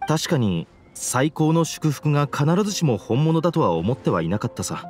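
A man's voice: on the high side, sing-song, normal speed, darkish tone. A man voicing an anxious, dejected young student in an anime game, hesitant and earnest. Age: young adult. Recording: music under the voice.

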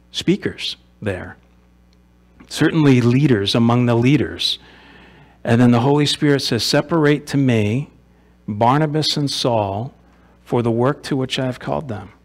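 Male pastor, sermon, conversational, rhetorical questions, mid-pitched voice, church sanctuary. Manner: conversational, asks rhetorical questions, repeats words.

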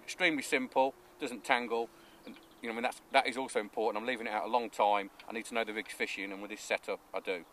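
A man in his thirties, an angling coach, explaining his rig and bait step by step in a relaxed, practical way, recorded outdoors by a lake. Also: mid-range voice, a little hiss or hum. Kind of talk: instructional fishing talk. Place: outdoors at a lakeside fishery.

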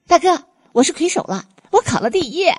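A woman voicing an excited young scholar who just came first in an exam, talking in breathless exclamations. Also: very high-pitched, brisk, pitched above the performer's own voice. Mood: elated. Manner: breathless, exclaiming, laughing through words. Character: giddy young top-ranked scholar, bouncy and boastful.

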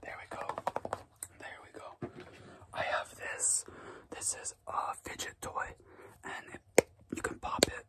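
An ASMR host of unclear sex doing fast and aggressive ASMR in a whisper, with short repeated words and phrases. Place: small dim indoor room.

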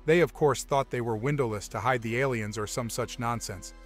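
A man's voice: mid-range voice, a little fast. A man narrating a scripted forum reply. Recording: music behind the voice.

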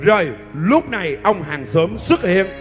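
High-voiced man narrating a stage skit. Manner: lively, hurried, joking. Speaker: show host and skit narrator. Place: outdoor traveling show stage. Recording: live stage with hall echo and loud music.

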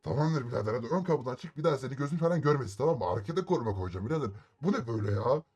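A man voicing a gruff, hostile male guard in a game role-play, barking rough threats. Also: mid-range voice, lively intonation, rapid-fire, darkish tone, pitched below the performer's own voice.

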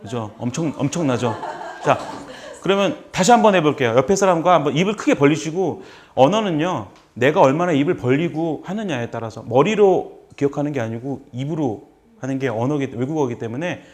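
A man's voice: on the high side, animated, brisk, darkish tone. A man teaching a live class in a chatty, joking way, repeating phrases for the students to say back. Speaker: lecturer teaching basic Russian. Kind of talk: classroom lecture. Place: seminar room with a live audience.

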